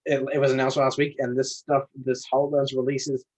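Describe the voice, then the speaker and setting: A man's voice: mid-range voice, flat delivery, brisk. A man co-hosting a podcast in casual chat, rambling eagerly and restarting his sentences often. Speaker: podcast co-host. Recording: dull lo-fi recording.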